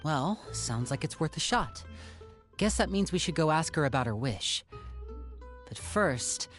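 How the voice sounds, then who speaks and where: A woman's voice: deep voice, animated, a little slow, soft background music. A woman voicing a suave, theatrical, scheming young man and older brother in an anime game. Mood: earnest, conspiratorial.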